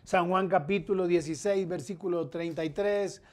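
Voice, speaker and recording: A middle-aged man with a Colombian accent preaching a sermon as pastor, his loudness rising and falling as he presses his points. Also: high voice, moderate pace. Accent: Colombian Spanish.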